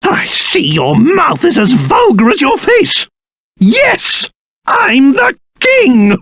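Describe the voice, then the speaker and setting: Pompous, wildly animated British old king. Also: very high voice, slow, no echo, studio quality, heavily acted. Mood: haughty, outraged. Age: older. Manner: pompous, indignant, theatrical, old-fashioned formal speech. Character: pompous, excitable old cursed king in creature form. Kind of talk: video game character voice acting.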